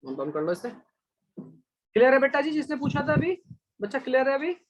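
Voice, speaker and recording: A man's voice: extremely high pitch, very animated, a little fast, poor audio. A man teaching a math class online, patiently explaining steps and praising students by name as he checks their answers.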